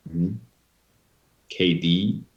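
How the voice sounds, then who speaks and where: Deep-voiced, blunt male co-host. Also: fairly even intonation, extremely slow, dull audio. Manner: blunt, swears a lot. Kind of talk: casual live-stream chat.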